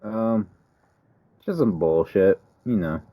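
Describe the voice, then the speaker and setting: A man's voice: on the low side, expressive, takes it slowly, dry recording, lo-fi sound. A man co-hosting a podcast in rambling, wry casual chat full of fillers. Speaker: podcast co-host.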